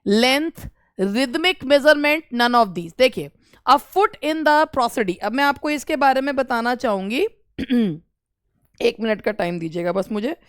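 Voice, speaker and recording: A woman with an Indian accent teaching an English literature exam-prep lesson, explaining slowly and mixing Hindi with English terms. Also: on the high side, lively intonation, clear, resonant tone, dry recording, studio quality.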